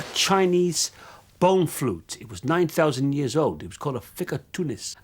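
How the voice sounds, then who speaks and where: An actor playing a vain, oblivious rock musician, talking in a deadpan, rambling way full of little fillers. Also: male voice, mid-range voice, slightly rough. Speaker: aging rock star. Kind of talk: mockumentary monologue.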